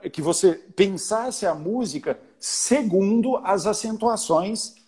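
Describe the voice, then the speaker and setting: A choir conductor appears as a guest on a live stream, chatting casually in a husky, high-sitting, slightly mellow voice with a Brazilian Portuguese accent. He talks slowly with lively intonation, explaining at length through many restarts, singing and counting out examples.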